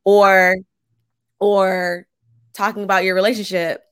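A woman co-hosting a podcast, talking reflectively and haltingly, often restarting mid-sentence. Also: mid-range voice, flat delivery, a bit bright, smooth, no room sound, clean studio sound. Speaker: podcast co-host, dance and Pilates teacher. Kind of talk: casual chat.

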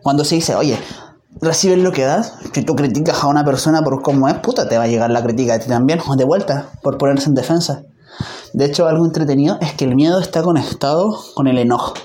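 A man's voice: a little fast, a little hiss or hum. A man with a Chilean accent, talking casually in a reflective self-help monologue, often repeating words in a rhythmic way. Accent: Chilean Spanish. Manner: animated, acts out quoted voices with pitch jumps; repetitive, rhythmic listing.

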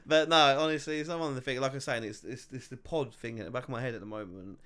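A man's voice: mid-range voice, steady tone, quick pace, fairly bright tone, smooth. A young man, co-hosting a casual podcast chat, laughing often and full of slang. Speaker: podcast co-host. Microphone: podcast mic.

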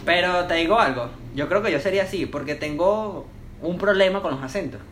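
Young Venezuelan woman, fairly low voice, rambling slangy chat, faint background noise. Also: fairly quick. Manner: rambling, slangy, mimics accents. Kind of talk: casual chat.

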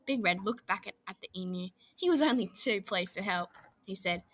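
A woman reading a children's picture book aloud, gently asking the listener questions along the way. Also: medium pitch, lively intonation, normal speed.

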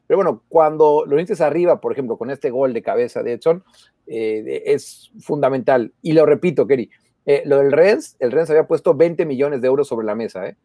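A man's voice: medium pitch, brisk, warm tone, dry recording, studio quality. A man, a football correspondent in casual sports talk, chatty and hesitant with repeated words. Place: abroad, in the Netherlands.

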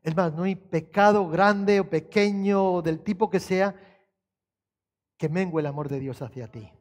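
A man preaching a sermon in a conversational way, asking the congregation questions and quoting scripture, moving between quiet storytelling and raised, emphatic passages. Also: high voice, unhurried. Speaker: pastor.

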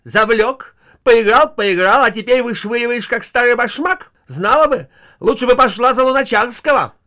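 A high, shrill, nagging wife, as a male reader puts her on in a storybook reading. She scolds and whines with histrionic swings, climbing higher and louder as she complains. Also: lively intonation, normal speed. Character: shrill nagging middle-aged wife, quarrelsome.

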